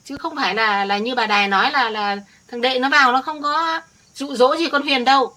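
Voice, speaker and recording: A woman's voice: high-pitched, brisk, pushed and bright. A woman playing an insistent village woman. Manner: earnest, insistent storytelling. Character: older village woman defending her family. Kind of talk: village family drama acting.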